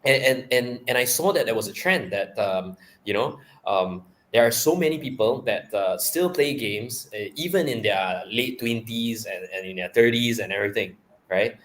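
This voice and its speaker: A man with a somewhat low voice answers interview questions. He talks in a halting way, stacking repeated words before each point lands. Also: a bit bright. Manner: halting, repeats words while finding his thoughts. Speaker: interview guest.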